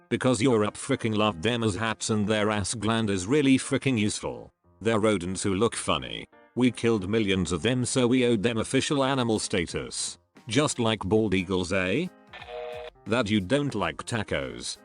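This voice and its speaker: A man with a fairly low voice reads forum comments one after another as scripted narration. His pitch moves a lot, giving each line a lively contour, and he never pauses for fillers. Faint music plays quietly behind him. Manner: reads each post straight through, no fillers. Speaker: narrator reading online forum posts.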